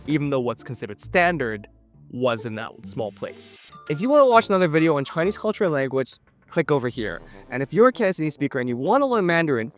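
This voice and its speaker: A man hosting an explainer video, narrating a script in a conversational way. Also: on the high side. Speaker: video host.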